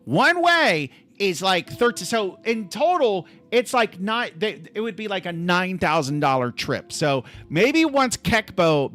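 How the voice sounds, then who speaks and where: This livestream host chats casually from his laptop at home in a slightly high voice that swings widely in pitch. Restless and rambling, he trips over words, restarts often and fills gaps with "like," while soft music plays faintly behind him.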